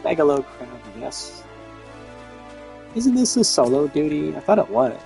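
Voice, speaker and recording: A man's voice: a little high, big pitch swings, a little slow, vocal fry, warm tone, faint music behind, rough recording. A man streaming a role-playing game, chatting casually with wry jokes. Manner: wry, joking. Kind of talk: casual gameplay commentary.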